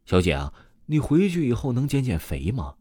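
A man voicing a calm young male student with a wry, deadpan, unbothered way of talking in a told story. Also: medium pitch, moderate pace, breathy edge, no room sound, studio quality.

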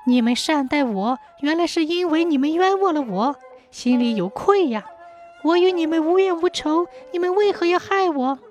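A woman voicing a wronged young woman who is bitter and vengeful, speaking in a shrill, accusing way. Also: expressive, moderate pace, darkish tone, faint music behind. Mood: furious. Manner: accusing, shrill, teeth-gritting.

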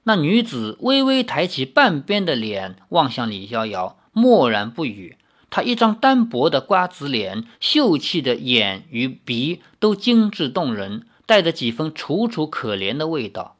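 A man reading a fantasy novel aloud as storyteller, in an expressive way. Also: a little high, measured pace.

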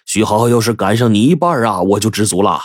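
An effusive middle-aged company boss, as a male storyteller puts him on, full of drawn-out exclamations and a low voice. He speaks slowly and warmly, and the close recording is dry. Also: expressive, dry recording.

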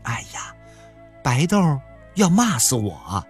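A man's voice: mid-range voice, wildly swooping pitch, slow, husky, soft background music, full character voice. A man reading a novel aloud and voicing a blunt, anxious young widow who hesitates and stammers. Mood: fretful.

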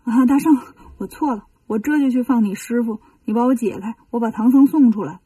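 A woman's voice: on the high side, fairly quick, dark tone, breathy edge, no echo, far from the mic. A woman voicing a sulky, boastful young male alligator demon in a children's storybook reading, whiny and defiant. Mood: begging.

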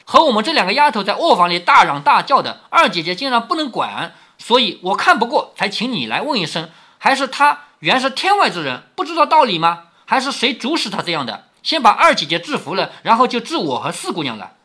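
A man's voice: sits high, big pitch swings, fairly quick, few pauses, sharp tone, breathy edge, heavily acted. A man reading as a stern young noblewoman. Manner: stern, scolding. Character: sharp proud young noblewoman. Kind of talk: storybook reading.

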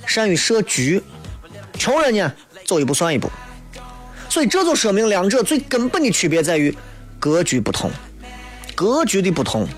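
A man's voice: high-pitched, huge pitch swings, normal speed, pauses often, faint music behind. A man with a Shaanxi accent delivering a colloquial, opinionated monologue as a talk show host, often throwing out rhetorical questions.

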